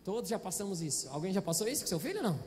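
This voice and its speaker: Brazilian pastor guy, really high voice, joking around w the church, handheld mic, big reverby hall. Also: very animated, rapid-fire, a little mellow, a little hiss or hum. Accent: Brazilian Portuguese. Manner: chatty, playful preaching with frequent audience questions. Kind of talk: Sunday sermon. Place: church auditorium. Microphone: handheld microphone.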